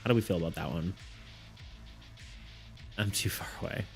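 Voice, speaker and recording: Speaking at a moderate pace, this man has a low, creaky voice with a breathy edge. He's casually talking to his live stream viewers, rambling along, restarting sentences and laughing a lot over faint background music.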